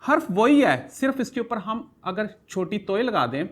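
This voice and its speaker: A man's voice: sits high, very animated, normal speed. A male kindergarten teacher giving an alphabet writing lesson. He talks through each pen stroke step by step and patiently repeats each letter sound several times.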